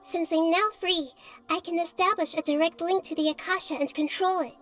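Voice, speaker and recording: A woman voicing a young girl goddess who is gentle, wise and calm, speaking softly and thoughtfully in a game. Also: very high voice, soft background music. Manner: soft, thoughtful, measured.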